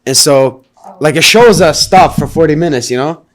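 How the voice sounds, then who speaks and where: A man's voice: a little high, normal speed. A man in a casual chat, recounting a hike in slangy, filler-heavy speech. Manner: slangy, filler-heavy, says "bro" and "you know". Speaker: hiker recounting a climb.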